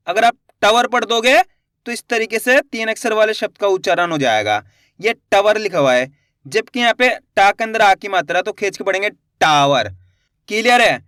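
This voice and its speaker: A man teaching how to read, sounding out syllables slowly and asking learners to repeat after him. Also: high voice, a bit bright, no room sound, studio quality. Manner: slow drawn-out syllables, asks learners to repeat. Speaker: Hindi reading teacher. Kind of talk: spoken lesson.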